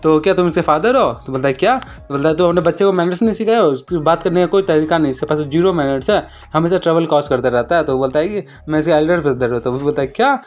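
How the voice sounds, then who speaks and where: A man retelling a comic story in a casual recap, talking rapidly and briefly raising his voice for quoted lines. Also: on the high side. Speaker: manhwa recap narrator. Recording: dull lo-fi voice-over with faint music.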